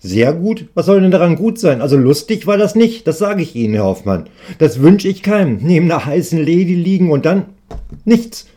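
Brief: a man doing a high, whiny young male student in his twenties, loud and oversharing, lively swoops. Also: normal speed. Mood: complaining.

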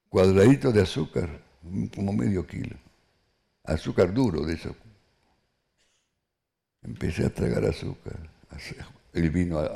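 An older man gives personal testimony, talking haltingly with restarts and quoting others. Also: deep voice, creaky, dark tone. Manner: halting, with restarts and acted quotes. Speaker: Holocaust survivor giving testimony.

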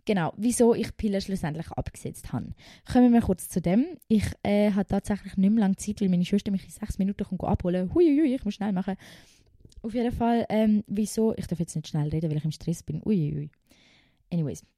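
Young swiss german girl vlogging, mellow dry sound, chatty and swears a bit. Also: medium pitch, fairly quick, no room sound. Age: young adult. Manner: chatty, emotional, swears casually, mixes in English phrases. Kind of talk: casual personal storytelling.

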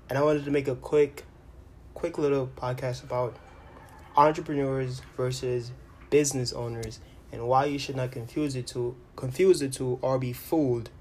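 A man hosting a solo motivational podcast, speaking earnestly and deliberately, often repeating and rephrasing his phrases. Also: medium pitch, a little mellow, a little hiss or hum. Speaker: podcast host.

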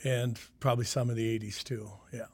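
Fairly quick and level, his medium-pitched voice has a darkish, slightly rough tone. The guest is a retired Sioux City, Iowa county sheriff in his sixties, casually recalling old times in an interview and drifting off with fillers.

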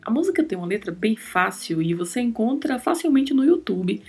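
A woman's voice: a little high, big pitch swings, fairly quick, darkish tone, slightly rough, faint music behind. A woman hosting a podcast, teaching Spanish in a careful, scripted lesson and spelling out words and sounds. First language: Portuguese.

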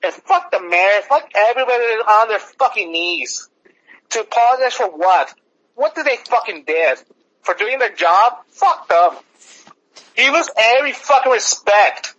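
A man's voice: sits high, expressive, moderate pace. Furious man ranting over a phone line. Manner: furious, profane, shouting bursts. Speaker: caller. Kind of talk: angry phone rant. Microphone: phone on speaker.

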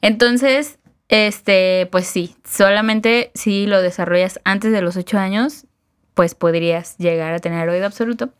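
A woman's voice: medium pitch, measured pace, smooth. A woman with a Mexican accent, co-hosting a podcast and patiently explaining music terms with frequent fillers and laughter. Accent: Mexican Spanish. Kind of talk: casual explanatory chat.

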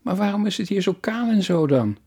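A man voicing an eager, impulsive boy of about eleven who talks fast and blurts things out, in an audiobook story. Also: high-pitched, animated, warm tone, breathy edge, pitched above the performer's own voice.

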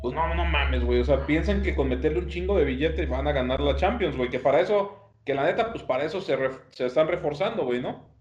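A man's voice: on the high side, lively intonation, quick pace, few pauses, crowd noise. A man with a Mexican accent co-hosting a casual chat, talking in profane, slangy street language. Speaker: podcast co-host. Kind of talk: casual chat, sports opinion. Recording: dull, roomy sound.

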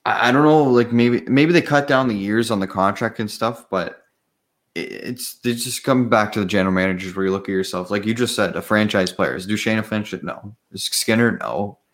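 Young male podcast host, lower voice, relaxed chat, quick to laugh. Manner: laughs easily, leads topics. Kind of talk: casual sports chat.

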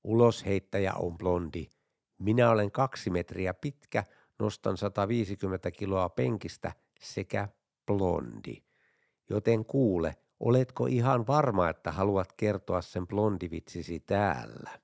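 A man putting on a huge muscle-bound guy in a bar, whispering low and threatening, dry close sound with no room echo. he sounds quiet and heavy, a storyteller's joke voice. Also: vocal fry. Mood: menacing.

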